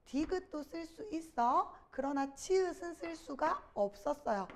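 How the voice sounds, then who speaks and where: Woman teacher, high voice, lectures students and answers her own questions. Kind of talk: Korean grammar lecture.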